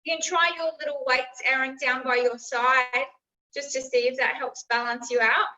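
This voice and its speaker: A woman's voice: sits high, steady tone, moderate pace, pushed and bright. A woman leading a group workout as fitness instructor, giving encouraging cues and instructions. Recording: roomy, distant mic, slightly dull.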